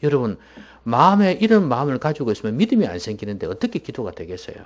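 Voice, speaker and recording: A man preaching a sermon as pastor in a church, emphatic and at times dropping to a hushed voice. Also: medium pitch, big pitch swings, quick pace, highs cut off.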